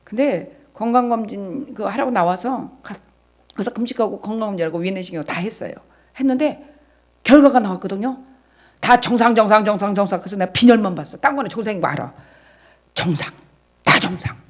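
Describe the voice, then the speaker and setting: Delivering a sermon, this middle-aged senior pastor swings from quiet asides to shouted exhortation and voices God's words as direct speech. She speaks briskly in a mid-range voice.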